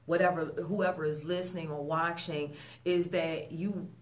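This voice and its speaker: A woman in her thirties with a low-pitched voice speaks earnestly on a radio talk show. She talks in a conversational way, with plenty of fillers and restarts. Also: fairly even intonation, moderate pace. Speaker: guest, stroke survivor.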